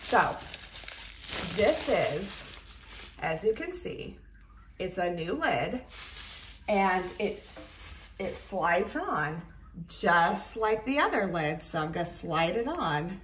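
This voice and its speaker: A woman's voice: on the low side, very animated, takes it slowly, long pauses, a bit bright, distant mic. Female hobby reviewer, informal hands-on demo style, roomy sound with faint noise and clicks from handled items. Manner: chatty, informal, talking while handling items. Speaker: craft product reviewer. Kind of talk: casual product demonstration. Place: indoors at a tabletop, roomy. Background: clicks and rattles of handled items.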